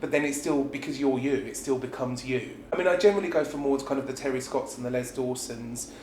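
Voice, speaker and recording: A British man, a pantomime dame performer, talks informally and reflectively in an interview, often letting his thoughts trail off. His voice is medium-pitched and a little mellow, and he speaks fast. The recording has a roomy echo and background noise.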